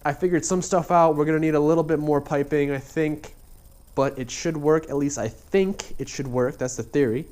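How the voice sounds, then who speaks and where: Working in a garage, a man gives casual how-to narration about his car build, captured by a head-mounted action camera mic. His voice sits on the high side, steady and darkish, congested and slightly nasal, at a moderate pace. He rambles in a laid-back way with lots of filler.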